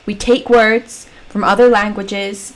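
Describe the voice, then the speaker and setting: A woman's voice: medium pitch, level tone, slow. A woman with a British accent giving chatty, jokey commentary while she plays a video game, swearing casually as she goes. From United Kingdom. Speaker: gaming channel host. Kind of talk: casual let's-play commentary.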